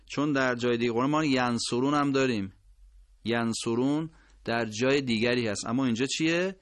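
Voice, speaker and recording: A man teaching Quran recitation who explains patiently and corrects mistakes, slowly drawing out each example word. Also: medium pitch, a bit bright, no room sound, clean studio sound. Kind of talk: instructional explanation with drawn-out pronunciation examples.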